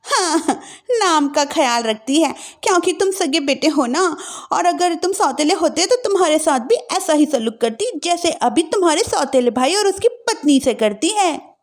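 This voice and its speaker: A woman's voice: sits high, lively intonation, moderate pace, voice pushed up. A woman voicing a haughty, spiteful young sister-in-law with bossy, whiny demands in a family story. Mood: demanding. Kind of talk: acted family-drama storytelling.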